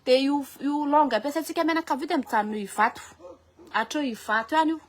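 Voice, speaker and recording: A woman with a Malagasy accent, talking in a lively casual monologue and switching languages often. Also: sits high, fairly quick. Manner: animated, switching between French and Malagasy, many restarts. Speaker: vlogger.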